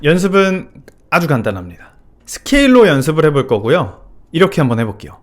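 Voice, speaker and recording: A man working as a vocal coach, giving a methodical vocal technique lesson and explaining technical terms clearly. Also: a little high, very animated, brisk.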